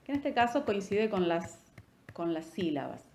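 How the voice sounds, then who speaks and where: A woman teacher explains verse meter patiently and keeps checking in with her students. She taps out the beat and slows down to recite lines. The room is echoey, with a faint hiss behind her. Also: mid-range voice, big pitch swings, a little mellow. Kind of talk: recorded literature lesson.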